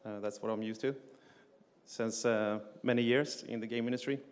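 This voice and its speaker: Speaking with a fairly low, clear, resonant voice, fairly even intonation and a moderate pace, a middle-aged Swedish man presents a technical conference talk. He's a game engine developer on stage, explaining plainly amid frequent "uh" fillers and restarts, and the hall adds long reverb.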